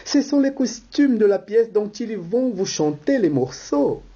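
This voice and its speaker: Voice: medium pitch, big pitch swings, unhurried, mellow, breathy edge, dull audio, heavily acted. A reader voicing a bustling, social-climbing host in a rehearsal read-through of a play. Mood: hurried.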